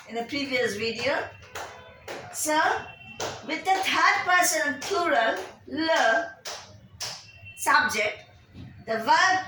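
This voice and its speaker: A woman teaching a French lesson in English, spelling words letter by letter and repeating them slowly. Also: high-pitched, pushed and bright, slight background noise. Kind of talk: slow spelled-out language lesson. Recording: echoey room, heard from a distance.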